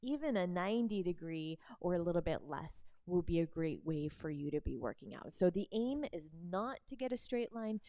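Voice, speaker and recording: A woman instructor explaining barre moves and cueing a demonstrator, encouraging and quick to laugh. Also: fairly low pitch, animated, dark tone, dry recording.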